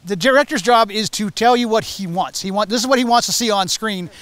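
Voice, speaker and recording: A man's voice: sits high, fairly quick, a bit bright, no room sound. A man explaining how a director and effects crew work together, matter-of-fact. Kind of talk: documentary interview.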